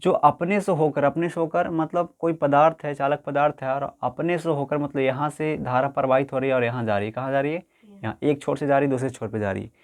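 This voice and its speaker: A man's voice: medium pitch, steady tone, a little fast. Man from teaching, repeats and checks understanding. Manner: repetitive, checks understanding often; homely, colloquial examples. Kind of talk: explaining a lesson.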